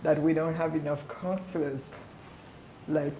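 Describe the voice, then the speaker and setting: Older male, fairly high voice, very slow reflective delivery, emphatic phrasing, strong room echo. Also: fairly even intonation, warm tone. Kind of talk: reflective personal reminiscence. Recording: echoey room, faint background noise.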